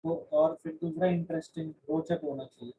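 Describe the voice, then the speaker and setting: A man's voice: fairly high pitch, fairly even intonation, fairly quick, mellow, a little hiss or hum. A man teaching a class, explaining in Hindi mixed with English terms and often restarting his sentences. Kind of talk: classroom lecture. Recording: dull lo-fi recording.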